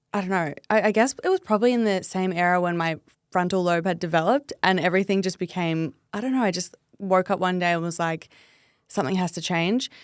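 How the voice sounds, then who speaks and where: Clear-voiced Australian woman, chatty. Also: lowish voice, no echo, studio quality. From Melbourne, Australia. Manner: chatty, open, uses 'like' often. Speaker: podcast guest. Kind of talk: casual interview chat.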